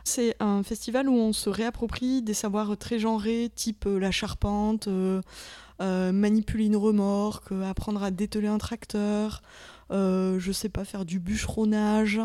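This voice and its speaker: A woman's voice: mid-range voice, flat delivery, measured pace, mellow. Enthusiastic woman with a southern French accent. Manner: enthusiastic, many fillers. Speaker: panelist. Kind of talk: casual discussion.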